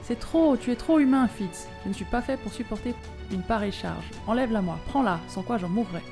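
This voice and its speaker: A woman's voice: a little high, a little fast, creaky, over music. A woman reading aloud who voices a desperate man begging in a pitiful voice. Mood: pitiful pleading. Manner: desperate, pleading.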